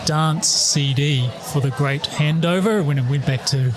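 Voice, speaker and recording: A man's voice: on the high side, measured pace, music in the background. A man co-hosting a podcast, chatting in an amused, talkative way. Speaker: podcast co-host. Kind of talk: casual interview chat.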